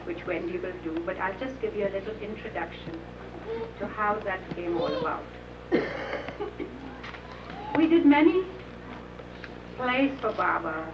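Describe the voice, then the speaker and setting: An older woman telling a chuckling, unhurried anecdote to a small gathering, preserved on an old VHS tape. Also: mid-range voice. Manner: chuckling, unhurried storytelling with frequent laughs. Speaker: storyteller at a gathering. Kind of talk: reminiscing anecdote told to a small audience. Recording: muffled, hissy old tape, echoey room from far off.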